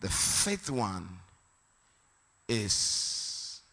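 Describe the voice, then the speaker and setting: A man preaches a sermon in a slow, deliberate way, lifting into a sung cadence at the high points. His voice is bright and ringing. It carries a long reverb from a large hall. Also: sing-song, gravelly.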